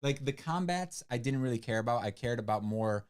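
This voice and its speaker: Clear and resonant, his medium-pitched voice moves a little fast as this non-native English speaker co-hosts a casual book club livestream. He rambles, peppers his speech with "like," and retells things with animation.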